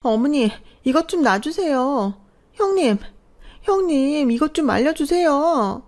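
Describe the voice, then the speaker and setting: A woman voicing a spoiled, sneering young sister-in-law in a read-aloud story, in a high, indignant voice. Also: very animated, moderate pace, a little mellow. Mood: pleading. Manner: shrill, indignant. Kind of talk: storybook voice acting.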